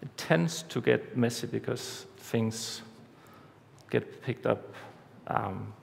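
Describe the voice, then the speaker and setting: A man giving a conference talk, walking through a live demo step by step in a halting way, recorded in a large hall. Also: mid-range voice, vocal fry. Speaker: conference speaker. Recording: reverberant hall, faint background noise.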